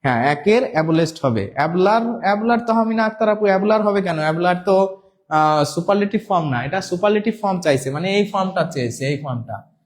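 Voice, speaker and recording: A man with a fairly high voice teaches a live online class. He explains step by step, repeats each word and spells words out letter by letter. He reads the viewers' comments aloud as he goes. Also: lively intonation, a little fast. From Bangladesh. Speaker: English teacher.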